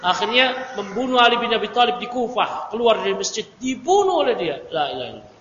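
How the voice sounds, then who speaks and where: A man teaching a religious study lecture, lively and teasing his audience in asides. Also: very high voice, a little fast. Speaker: Islamic teacher. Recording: echoey hall, dull lo-fi audio, faint hiss.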